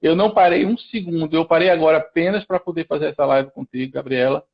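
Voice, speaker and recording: The recording is muffled as a lawyer from Recife, Brazil, speaks on a live stream in a fast, gravelly voice on the high side. His Pernambuco Brazilian Portuguese accent comes through while he methodically explains procedures step by step, restarting frequently.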